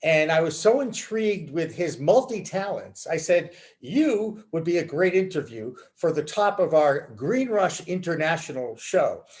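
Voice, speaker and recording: A man's voice: fairly high pitch, big pitch swings, unhurried, few pauses, darkish tone. A man in his sixties hosting a casual interview over a video call from home, chatty and enthusiastic. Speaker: host. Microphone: video call webcam.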